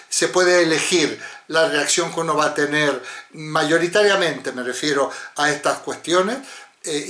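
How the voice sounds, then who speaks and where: A man's voice: on the high side, fairly bright tone. A man moderating a philosophy seminar over a video call, talking in a discursive way and often ending with tag questions. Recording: roomy echo.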